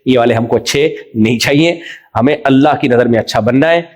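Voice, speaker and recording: A man giving a religious lecture in a jovial, teasing way, with mock-voiced examples. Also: medium pitch. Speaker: Islamic preacher. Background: audience laughter.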